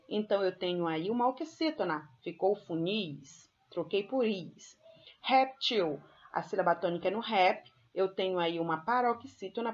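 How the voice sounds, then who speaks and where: A woman's voice: medium pitch, a little mellow. A Brazilian woman teacher with a mid-range voice walks her pupils through a lesson. She explains patiently, one step at a time, and keeps checking that they follow. The recording sounds slightly muffled and lo-fi. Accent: Brazilian Portuguese.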